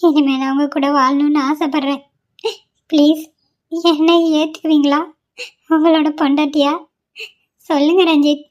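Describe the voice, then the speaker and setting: A woman's voice: high-pitched, flat delivery, moderate pace, pauses often, a little mellow, natural voice. A woman voicing a pleading young cartoon wife. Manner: pleading, emotional. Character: young wife, remorseful and devoted. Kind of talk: cartoon voice acting. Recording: dull lo-fi sound.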